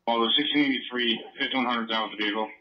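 A man's voice: mid-range voice, fairly even intonation, rapid-fire. A man talking in terse, clipped radio traffic over a police radio transmission, rattling off call numbers. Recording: dull lo-fi police scanner audio.

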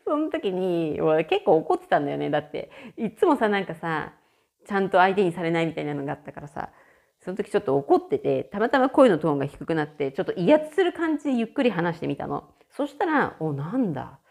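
A woman's voice: mid-range voice, fast, gravelly. A woman hosting a casual solo audio chat, chatty and often laughing. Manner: chatty, frequent laughter, animated shifts in tone. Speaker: podcast host.

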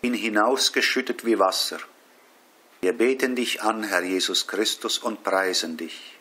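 A man leading a Stations of the Cross devotion, reading prayers and scripture in a slow, solemn way. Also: on the low side, pushed and bright, slightly rough. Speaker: prayer leader.

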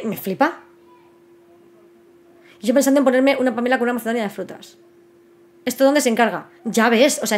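Young woman chatting on a live stream, bit high voice, super excitable, keeps tripping over her words. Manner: chatty and excitable, with many restarts and repeated words. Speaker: host of a live book news stream. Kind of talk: casual live-stream chat.

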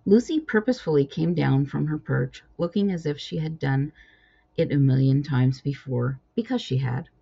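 A woman reading her own cat storybook aloud with expressive storytelling. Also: low-pitched, normal speed, vocal fry, breathy edge. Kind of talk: storybook narration. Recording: dull lo-fi recording.

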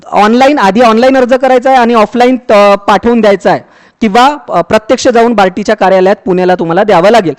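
A man's voice: high voice, quick pace. A man explaining an application process to students in a conversational walkthrough, often checking in with listeners and restarting words. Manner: conversational, repeats "ठीक आहे", frequent fillers and restarts. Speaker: education YouTuber explaining a scheme.

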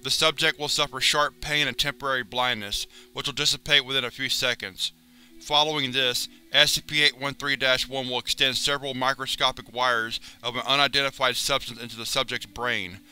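A man narrates a wiki entry in a formal, clinical manner. His voice is very bright and crisp, with a smooth, clear tone. The delivery stays steady and even throughout. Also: medium pitch, brisk. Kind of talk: scripted reading of a wiki entry.

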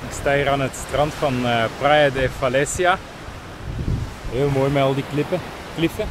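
A man with a Flemish accent narrating his travel vlog in a relaxed, chatty way, pausing with fillers as he walks outdoors. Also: mid-range voice, noisy background. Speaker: travel vlogger. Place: outdoors, walking on a trip. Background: music.

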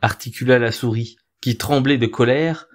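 A man narrating a folk tale in an expressive, theatrical storytelling manner. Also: mid-range voice, normal speed.

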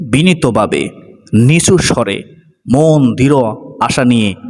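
A man's voice: medium pitch, big-room sound. Earnest male preacher addressing viewers. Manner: earnest, repeats key phrases for emphasis. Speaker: Islamic preacher. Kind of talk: devotional sermon to viewers.

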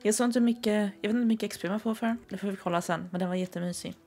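A woman in her twenties from southern Sweden, chatting and giggling excitably while commenting on a game she plays. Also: mid-range voice. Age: 20s. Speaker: gaming streamer. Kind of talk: casual gameplay commentary.

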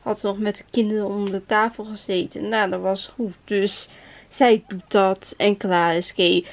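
A woman's voice: mid-range voice, fairly even intonation, normal speed. A woman vlogger rambling through anecdotes, laughing often and acting out the people she quotes. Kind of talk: casual storytelling.

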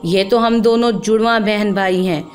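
A woman's voice: medium pitch, fairly even intonation, normal speed, close to an everyday voice. A woman voicing a frightened young girl who grows into a tearful young mother, speaking in a timid, pleading way over faint music.

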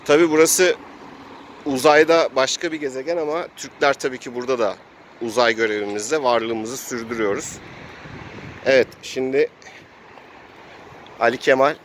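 A host and game master tells an improvised role-playing game in a relaxed way out on the city streets, making the sound effects with his mouth. He has a mid-range voice, a moderate pace and frequent pauses, while urban noise and vehicles pass in the background.

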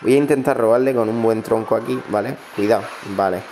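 A man from commenting on his own game in a quiet, soft-spoken voice, breaking out in excitement at big plays. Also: fairly low pitch, fast, slight background noise. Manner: talks quietly and a little oddly, ASMR-style. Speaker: gaming streamer.

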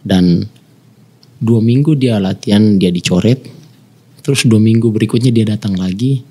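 A man from Samarinda in his thirties, a footballer guest telling his story earnestly in a casual interview, often dropping to a soft voice. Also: normal speed, breathy edge. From Samarinda, East Kalimantan, Indonesia. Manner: earnest, often drops to a soft low voice when moved.

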